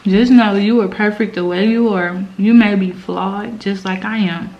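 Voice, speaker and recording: A woman's voice: medium pitch, fairly even intonation, measured pace, slight background noise. An American woman hosting a mukbang, giving earnest, informal, slangy advice in casual girl talk while she eats. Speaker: mukbang host. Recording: slightly dull, lo-fi sound.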